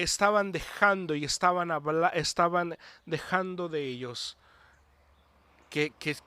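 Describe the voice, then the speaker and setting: A man's voice: on the high side, fairly bright tone, no room sound. A man preaching a sermon earnestly, repeating himself and restarting phrases, with an English word slipped in now and then. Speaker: pastor.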